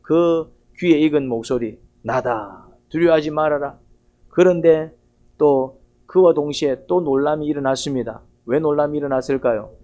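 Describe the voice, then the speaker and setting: A man's voice: on the high side, moderate pace, mellow, muffled recording. A male pastor giving a Sunday sermon. He retells a story vividly and keeps putting questions to the congregation. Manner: asks the congregation rhetorical questions.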